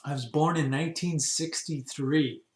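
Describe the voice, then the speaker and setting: A man in his fifties from Wisconsin, casually telling his life story in an unhurried, rambling way with many pauses. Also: on the high side, steady tone, darkish tone, reverberant. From Wisconsin, USA. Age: 50s. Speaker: vlogger.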